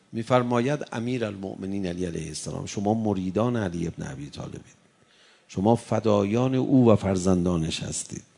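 A man preaching a sermon, reciting Arabic verses and swinging between hushed, intimate passages and impassioned rises. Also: sits low, gravelly, breathy edge.

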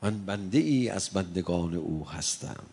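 Gravelly low-voiced male preacher. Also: animated. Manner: recites Arabic verses, swings from hushed to impassioned. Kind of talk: sermon.

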